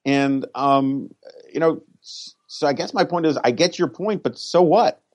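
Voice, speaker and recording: A man's voice: on the high side, a little mellow. A man co-hosting a podcast, talking politics in a wry, argumentative way and teasing his co-hosts. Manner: wry, argumentative, quick to tease. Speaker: podcast co-host. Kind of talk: casual political chat.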